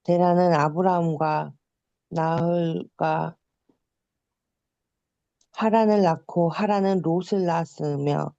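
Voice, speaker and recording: A reader taking turns reading scripture aloud in a measured, careful way. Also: mid-range voice, fairly even intonation, creaky, dark tone, no echo, highs cut off.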